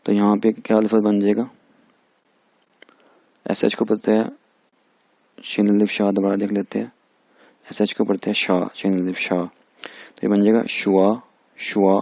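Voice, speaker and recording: एक पुरुष शिक्षक, पाकिस्तानी उर्दू लहजे में, जो शब्दों की ध्वनियाँ बार-बार दोहराकर धैर्य से अभ्यास करवाते हैं।. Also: male voice, fairly low pitch, completely flat delivery, normal speed, gravelly, pauses often, darkish tone, dry recording. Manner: repeats each sound many times, patient and drilling. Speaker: language teacher. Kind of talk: recorded language lecture over slides.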